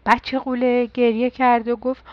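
A woman reading a bedtime story for children with lively sound words and a gentle manner, on a close mic in dull, dry audio. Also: on the high side, no echo.

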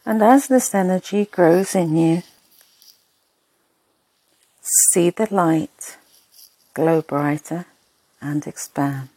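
A woman narrating a sleep meditation in a soft, breathy, husky voice, soothing and hushed, in short spaced phrases. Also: fairly low pitch, drawn-out words, pauses often, no room sound, rough recording.

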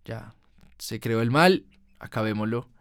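A man's voice: lowish voice, a little slow, clean tone, dry recording, clean studio sound. A young man delivering an emotional personal monologue as a podcast host, earnest, with his voice climbing when he recalls his anger.

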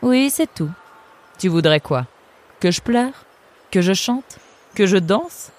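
A woman's voice: mid-range voice, expressive, takes it slowly, pitched above the performer's own voice. A woman voicing a tall tattooed female fox who talks in a blunt, offhand, cynical way in a storybook.

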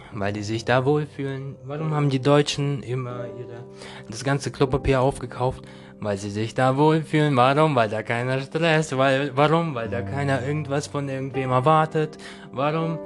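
Rambling slangy man with faint guitar behind. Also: medium pitch. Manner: addresses listener directly, constant tag questions; slangy, jokey, laughs between lines. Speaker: podcaster. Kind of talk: rambling comedic monologue.

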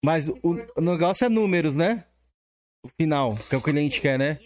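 A man's voice: fairly high pitch, animated, brisk. A man with a Brazilian Portuguese accent hosting a casual live chat in a slangy, conversational way. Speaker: live stream host.

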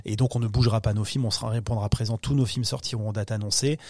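A man's voice: on the low side, steady tone, fast, a little mellow, dry recording, studio quality. A man talking about upcoming films in a podcast interview, hesitant, with many fillers and restarts. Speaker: film distribution executive.

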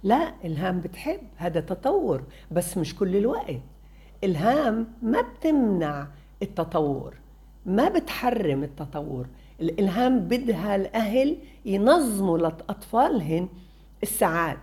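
A woman gives parenting advice in an expressive, emphatic monologue and repeats words for stress. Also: medium pitch, moderate pace. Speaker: parenting consultant.

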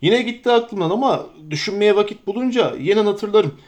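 A man doing a stout, forgetful innkeeper, lifted well above his own pitch and rushing his words. He chatters in a flustered, bustling rush, as in an audiobook. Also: expressive, a little mellow, highs cut off.

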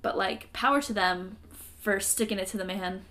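A woman's voice: mid-range voice, steady tone, normal speed, sharp tone. A young woman co-hosting a podcast, chatting casually and wryly with a lot of hedging. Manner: chatty, wry, hedging with fillers. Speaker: podcast co-host.

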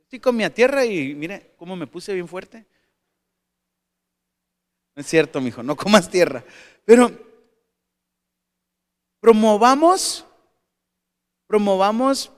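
A man giving a motivational talk to parents, animated and asking the audience questions, with asides and jokes. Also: high-pitched. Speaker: speaker addressing parents.

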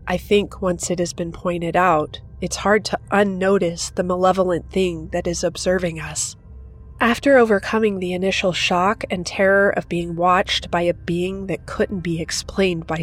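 A woman hosting a horror story channel, narrating in a steady, measured storytelling voice. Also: on the low side.

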